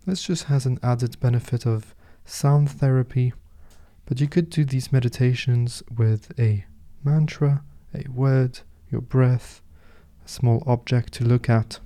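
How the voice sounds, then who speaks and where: A man guiding a meditation as host, speaking in a soft, slow, soothing way. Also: mid-range voice, fairly even intonation. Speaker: meditation podcast host and guide. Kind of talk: guided meditation narration.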